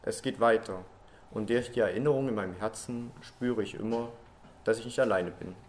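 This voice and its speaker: A man reading a first-person story aloud in a quiet, slow, melancholy way. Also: on the low side, a little hiss or hum. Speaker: story reader.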